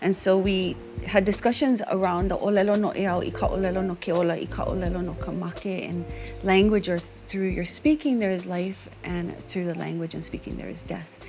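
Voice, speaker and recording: Her voice is fairly low and her pace brisk. She's a music teacher and workshop leader from Hawaii, giving a reflective documentary interview in English mixed with Hawaiian words.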